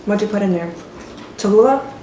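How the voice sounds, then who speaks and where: A woman tasting fried chicken and chatting casually, unhurried and quick to laugh. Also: medium pitch, dark tone. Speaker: guest tasting the food. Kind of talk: casual eating vlog chat. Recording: echoey kitchen with faint background noise.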